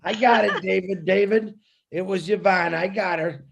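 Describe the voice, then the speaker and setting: A man's voice: high voice, fairly even intonation, moderate pace, creaky, slightly rough. A man hosting a video call and cheerfully handing the floor to speakers. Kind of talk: casual moderating.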